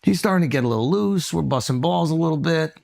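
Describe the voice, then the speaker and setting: A man in his thirties tells a story on a podcast, loose and chatty, slipping into other people's voices as he quotes them. His voice sits a touch high for a man and stays animated. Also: fast talker, gravelly. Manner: animated, acts out quotes with lots of fillers. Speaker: podcast host.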